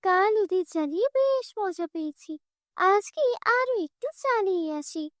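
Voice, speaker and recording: A woman's voice: extremely high pitch, expressive, normal speed, fairly bright tone, no room sound, studio quality, pitched above the performer's own voice. A woman voicing an arrogant village headman's wife in a cartoon, speaking in a bossy, scornful way. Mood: haughty.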